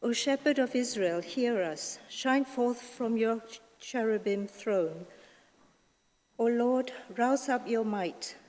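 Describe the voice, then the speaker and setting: A woman slowly reading scripture and leading responses at Mass, in a long cathedral echo. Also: fairly high pitch, darkish tone. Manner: slow, measured reading. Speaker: reader at Mass. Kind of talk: liturgical reading and psalm responses. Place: large church. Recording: echoey church from far off.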